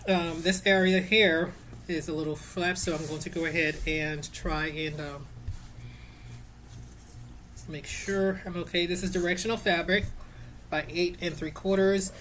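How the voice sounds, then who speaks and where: A woman's voice: lowish voice, fairly even intonation, measured pace, pauses often, fairly bright tone, slight background noise. A woman casually teaching an easy sewing project at home, chatty and rambling, with many fillers and self-corrections.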